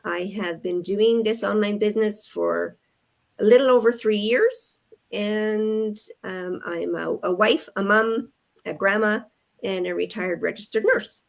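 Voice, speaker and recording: A woman's voice: mid-range voice, measured pace, vocal fry. Grandmotherly woman hosting a video chat. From Canada. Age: older. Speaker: host. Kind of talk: casual group video chat.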